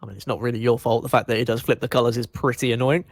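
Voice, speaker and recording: A man doing lively play-by-play commentary on an esports match, bantering jokingly with his co-caster over a headset mic. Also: mid-range voice, rapid-fire, a little hiss or hum. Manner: animated, jokey banter.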